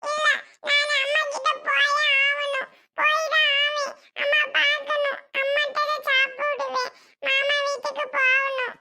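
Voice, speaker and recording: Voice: very high voice, monotone, measured pace, very noisy. A performer voicing a small girl who keeps pleading, whiny and insistent, to be taken to her mother. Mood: stubborn.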